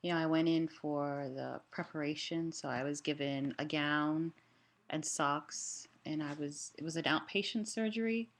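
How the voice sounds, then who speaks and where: A woman giving a casual personal update in a halting way, her voice limited in range and altered by a sore, swollen throat after surgery. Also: low voice. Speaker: vlogger sharing a health update. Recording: clearly noisy room ambience.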